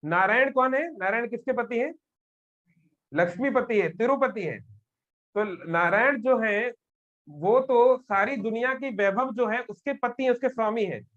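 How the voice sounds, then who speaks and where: A man's voice: very high-pitched, measured pace, dull audio. A man giving a live devotional talk to young people, telling a scripture story and acting out the characters' lines. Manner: animated, acts out characters' quotes. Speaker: devotional speaker. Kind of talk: storytelling sermon to youth. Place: live session with audience.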